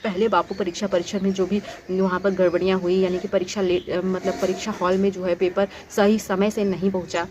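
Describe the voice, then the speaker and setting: A woman's voice: medium pitch, level tone, brisk, hardly any pauses, background noise. A woman talking straight to her viewers with earnest, pleading commentary, full of fillers and restarts. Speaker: YouTube commentator on exams. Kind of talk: direct-to-camera commentary.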